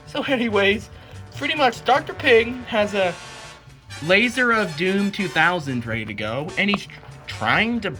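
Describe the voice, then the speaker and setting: A man giving rambling, self-mocking commentary as he reads the comics he made as a kid, with excited outbursts and asides. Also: high voice, measured pace, faint music behind. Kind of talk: comedic commentary reading his old comics.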